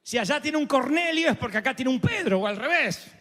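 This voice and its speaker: A man's voice: very high-pitched, brisk. A middle-aged Argentine man preaching a storytelling sermon, theatrical and joking as he acts out the people in his story. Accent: Argentine Spanish. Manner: animated and theatrical, acting out quotes and joking. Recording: long hall reverb.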